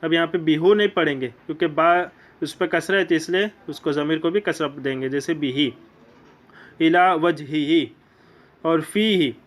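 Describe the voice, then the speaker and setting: A man's voice: a little high, a little fast. A man with an Urdu accent giving a grammar lesson, explaining step by step and repeating key points. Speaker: teacher. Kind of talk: classroom lecture.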